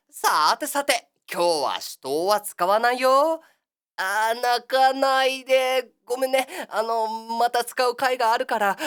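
A woman's voice: on the high side, a bit bright. A woman playing the cheery big-brother host of a children's exercise show, talking in a sing-song, coaxing patter in a comic monologue.

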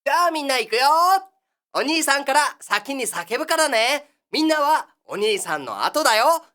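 A woman's voice: high-pitched, very animated, moderate pace, pushed and bright, heavily acted. Woman as a sing-song kids'-show big brother. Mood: cheery. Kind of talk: comic monologue.

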